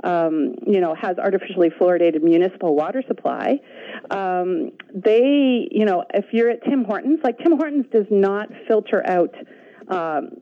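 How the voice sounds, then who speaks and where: A woman's voice: medium pitch, animated, normal speed, no room sound, narrow, tinny audio. A woman calling in to a radio show, talking in a rambling, hesitant way. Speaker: caller. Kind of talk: radio call-in.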